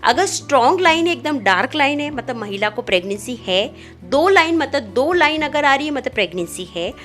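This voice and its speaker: A woman gynecologist explaining pregnancy testing in a calm, clinical manner, with small fillers as she talks. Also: high-pitched, a little fast, soft background music. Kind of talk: medical explainer conversation.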